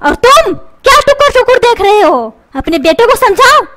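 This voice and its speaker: एक महिला कार्टून में झगड़ालू, डांटने वाली माँ की आवाज़ दे रही है, जो धमकाती है और ताने देती है।. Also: female voice, extremely high pitch, big pitch swings, normal speed, a bit bright, a little hiss or hum, full character voice. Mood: scolding. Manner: nagging, threatens, calls names. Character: quarrelsome scolding cartoon mother. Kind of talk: comedy cartoon dubbing.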